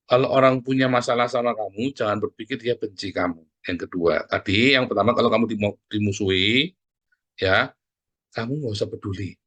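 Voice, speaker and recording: In a relaxed sermon, an animated male pastor keeps things conversational, his voice leaping in pitch. He often breaks off for quick asides to his congregation.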